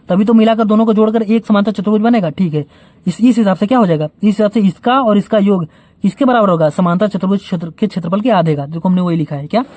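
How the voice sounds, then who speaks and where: Man, maths teacher, high-pitched voice, repetitive explaining, rhetorical questions, encouraging, dry close recording. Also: a little mellow, dry recording. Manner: encouraging, informal sign-off.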